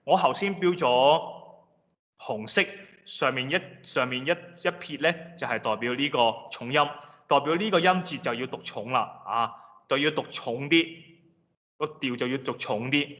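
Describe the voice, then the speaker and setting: A man lecturing a class in a patient, explanatory way, slowly repeating example words. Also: mid-range voice, fairly bright tone. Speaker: language lecturer. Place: lecture room. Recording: reverberant hall, dull lo-fi sound.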